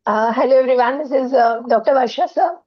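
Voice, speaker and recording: A woman doctor speaking hesitantly in a clinical discussion, her voice thick, strained and hoarse from a bad throat. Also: sits high, fairly quick. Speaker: doctor on a webinar. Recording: muffled, lo-fi online call audio.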